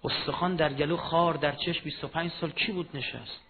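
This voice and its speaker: A man giving a mourning sermon, telling a personal story, moving from low murmured storytelling to loud impassioned rising cries. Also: steady tone, crowd noise. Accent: Persian of Iran. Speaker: religious speaker. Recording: tinny phone-like recording with faint noise.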